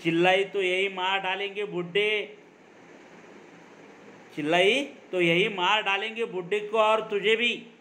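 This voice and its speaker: A man reading aloud the lines of a rough male burglar who barks threats and orders. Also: high voice, steady tone, measured pace, pauses often, sharp tone, slight background noise. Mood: threatening. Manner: gruff commands in Hindi-mixed speech.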